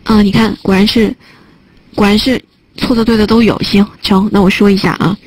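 A woman's voice: medium pitch, level tone, a little fast, a little mellow, slightly rough, no room sound, low-quality recording. A woman teaching a test prep listening class online, chatting and joking as she types notes on a whiteboard. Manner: chatty, joking aside while typing on a whiteboard.

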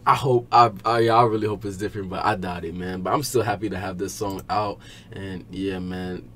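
Deep and steady, yet brisk, bright, and forceful, the voice belongs to a young man hosting a music reaction video. He gives a casual, excited album reaction, exclaiming, repeating himself, and using slang from a small home room fitted with acoustic foam panels. Music plays in the background, and there's slight background noise.

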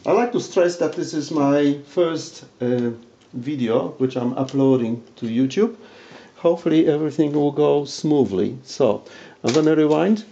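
A video presenter whose first language isn't English shows off audio equipment by a tape deck in his home, speaking informally and searching for words. His mid-range voice has a warm tone, captured on a dull, lo-fi home recording.

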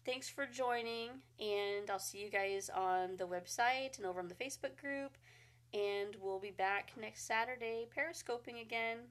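A woman's voice: on the high side, moderate pace, a bit bright. A woman hosting a casual live-stream chat, chatty and rambling with fillers, a bit congested and sniffly. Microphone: phone.

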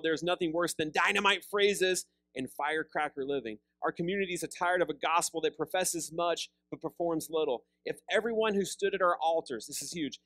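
Seated on a stool in a church fellowship hall, a pastor in his thirties preaches a sermon into a handheld mic. His voice is on the high side with no room sound, and his delivery is animated and conversational, full of big hand gestures, growing loud on emphasis and often repeating words as he restarts.

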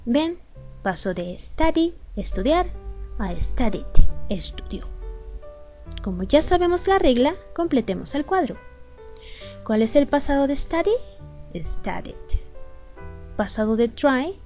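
A woman's voice: high voice, big pitch swings, slow pace, long pauses, a little mellow, soft background music. A woman teaching a video grammar lesson, explaining rules step by step and asking her students rhetorical questions. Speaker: English teacher.

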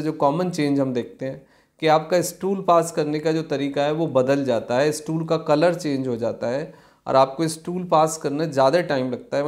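A man in his forties, a physician, explaining health topics to camera from a small clinic office, unhurried, with many fillers and English medical terms. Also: a little high, a little mellow. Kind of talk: health education talk to camera.

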